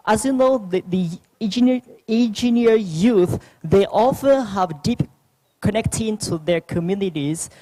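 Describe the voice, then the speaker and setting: Speaking on a youth panel, this young Vietnamese-accented adult gives a prepared talk in a halting manner, full of fillers and false starts. Their mid-range voice has a mellow quality.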